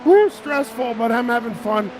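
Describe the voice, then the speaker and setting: A man with a high voice talking freely with his racing team, candid and laid-back, swearing without a thought. Clear engine noise sits behind him throughout. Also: lively intonation, moderate pace. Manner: loose, candid, swears and laughs easily. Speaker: teammate driver. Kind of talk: casual team chat over voice comms.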